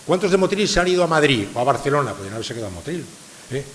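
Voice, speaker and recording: Racing along at medium pitch with big pitch swings, an older man from San Sebastián, Spain, delivers a public lecture to a live audience. Rhetorical questions and stressed points fill his talk, and the hall is reverberant with a faint hiss.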